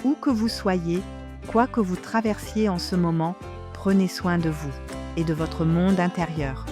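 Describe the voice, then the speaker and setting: Over background music, an older native German-speaking woman from Germany hosts a podcast, reading scripted narration to the listener in a reflective, measured way. Her voice is lowish.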